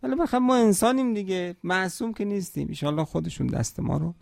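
Gravelly-voiced male preacher, emphatic sermon. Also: sits high, a little mellow, no room sound. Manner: emphatic, asks rhetorical questions, quotes Arabic scripture. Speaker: preacher at a mourning gathering. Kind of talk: religious sermon.

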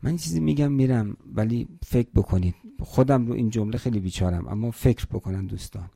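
A male preacher delivers a religious sermon to a mourning gathering. His voice is rough with a gravelly creak, and he presses his points with rhetorical questions and quoted scripture. The sound is dry, with little room around it. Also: fairly low pitch, warm tone, no room sound.

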